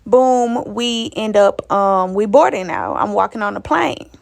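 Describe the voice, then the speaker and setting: A woman's voice: mid-range voice, expressive, unhurried, creaky. A woman, casually telling a personal story in a loose, slangy, profane way. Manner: loose, profane, slangy retelling that acts out others' lines.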